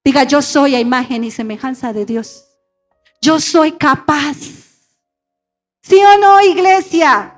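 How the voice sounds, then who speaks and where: A woman's voice: high voice, slow, pauses often, soft background music. A middle-aged woman pastor preaching a sermon and calling on her congregation to repeat phrases after her. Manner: call-and-response preaching, asking the congregation to repeat. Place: church sanctuary.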